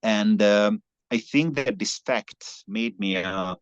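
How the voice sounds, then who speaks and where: Speaking slowly at a fairly low pitch, a native Hungarian man is the guest in a conversational interview, a long-distance cyclist who talks earnestly with many fillers and restarted sentences. There's no echo, and the sound is slightly dull and lo-fi.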